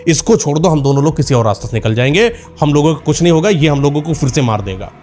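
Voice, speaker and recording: A man's voice: fairly high pitch, lively intonation, fast, darkish tone, a little hiss or hum, close to an everyday voice. A man voicing a frightened young woman who distrusts a stranger, in a horror story. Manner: anxious, insistent.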